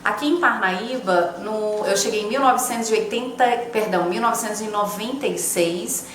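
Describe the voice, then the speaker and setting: A woman's voice: medium pitch, moderate pace. A woman in her forties from Fortaleza, a TV presenter, recounting her career in a conversational documentary interview. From Fortaleza, Brazil. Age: 40s. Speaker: TV presenter and former reporter. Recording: echoey room, faint hiss.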